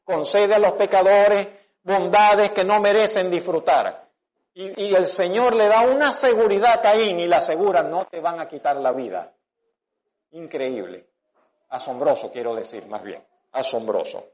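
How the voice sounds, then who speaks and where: A man's voice: sits high, normal speed, darkish tone. Conversational man pastor preaching. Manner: conversational preaching with restarts and rhetorical questions. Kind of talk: sermon.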